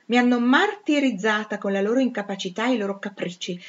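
A woman's voice: mid-range voice, fast talker, muffled recording, pitched above the performer's own voice, close to an everyday voice. A woman reading aloud, voicing a pompous older noblewoman who speaks in a dramatic, affected way. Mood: haughty.

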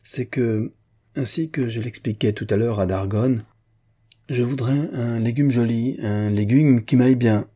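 A man voicing a vain society woman who cares about looking pretty, lifting his husky voice. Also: medium pitch, measured pace, mellow, voice pushed up. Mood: coy. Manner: coy, self-absorbed.

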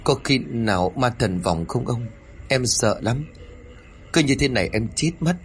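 A man's voice: mid-range voice, animated, measured pace, slight background noise, natural voice. A man voicing a frightened middle-aged wife who questions her husband anxiously in a spoken horror story. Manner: anxious, pleading.

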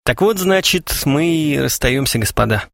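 A man's voice: on the high side, expressive, moderate pace, creaky, fairly bright tone, no echo, studio quality, pitched above the performer's own voice. A man voicing a cheerful, ironic young man who teases his friends, with a wry, mocking delivery. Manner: wry, teasing. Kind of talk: audiobook character voice.

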